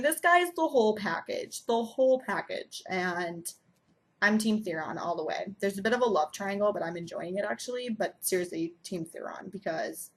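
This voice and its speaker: A young woman vlogging casually about her favorite books, gushing and enthusiastic, with frequent ums and likes. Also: medium pitch. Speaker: book vlogger. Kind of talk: casual book chat to camera.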